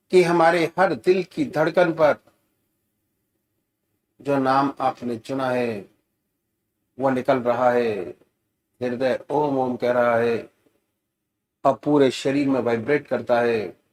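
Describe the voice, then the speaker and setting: Slow, gentle spiritual teacher. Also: male voice, medium pitch, steady tone. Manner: slow, gentle, soothing guidance with rising emphasis. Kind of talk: guided meditation instruction.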